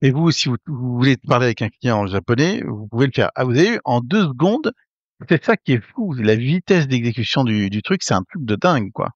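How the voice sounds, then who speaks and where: A man hosting a casual tutorial, hesitant with many fillers and restarts, getting excited as he talks. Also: medium pitch, fairly quick, no room sound, dull audio. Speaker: tech tutorial host. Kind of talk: casual screen-recorded tutorial.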